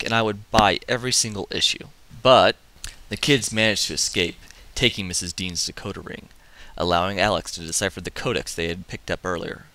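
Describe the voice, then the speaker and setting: A man hosting a comic book review, summarizing the story with excitable, casual asides. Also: low-pitched. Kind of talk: enthusiastic comic review narration.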